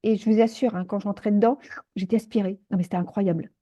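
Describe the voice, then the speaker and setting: A woman guest in a casual interview, telling her own stories in an animated, exclamatory way, full of fillers and restarts. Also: mid-range voice, fast, muffled recording. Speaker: energy healer guest.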